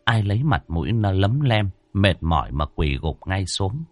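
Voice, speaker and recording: Expressive low-voiced male storyteller. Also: normal speed, no room sound. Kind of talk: ghost story narration.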